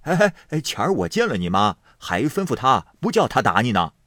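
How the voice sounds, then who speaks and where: A loud, boorish young rich man, as a man reading the story puts him on, who hems and stalls between words and then bursts out. His voice rises and falls widely, and it sits close in a dry, flat-sounding space. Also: mid-range voice, no echo. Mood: blustering. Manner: hemming with drawn-out pauses.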